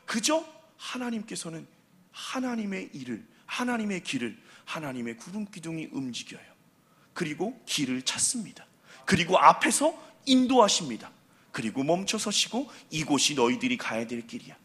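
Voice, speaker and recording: A middle-aged man preaching a sermon as a pastor, animated and acting out the voices he quotes. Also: sits high.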